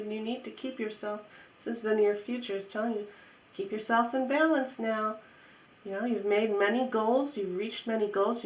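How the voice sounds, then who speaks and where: A woman giving an off-the-cuff mystical tarot horoscope reading, repeating phrases in a coaxing, reassuring way. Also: medium pitch. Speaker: tarot reader. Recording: roomy echo, faint background noise.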